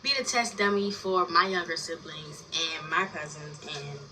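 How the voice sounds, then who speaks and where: Telling a personal story in a casual vlog, this woman of twenty chats and rambles with constant fillers and casual swearing. She speaks at normal speed in a low-pitched, steady voice that sounds pushed and bright. The recording comes from a distant mic with background noise.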